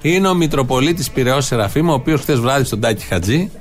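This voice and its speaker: A man's voice: medium pitch, animated, faint music behind. A man hosting a satirical show, joking through clips with sarcastic asides. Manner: wry, sarcastic, quick asides with laughs. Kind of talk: comedic commentary banter.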